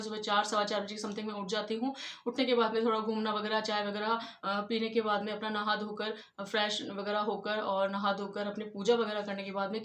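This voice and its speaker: A woman talks fast and earnestly, giving study advice to exam candidates in a casual, repetitive way. Her voice is fairly high but stays level, with little rise and fall. The room around her is echoey. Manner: earnest, repeats "I'd like to tell you". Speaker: exam-prep tutor.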